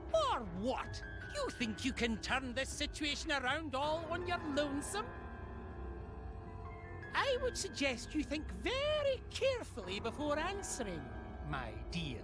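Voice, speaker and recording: A woman's voice: high voice, huge pitch swings, unhurried, over music, full character voice. A woman playing a mad genius villain in a video game cutscene, gloating theatrically in a mustache-twirling manner. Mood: threatening.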